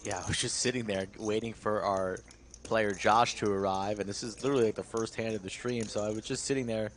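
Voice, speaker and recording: A man's voice: lowish voice, steady tone, a little fast, slight background noise. Guy calling a poker stream, commentator style, adds a bit of drama to the play.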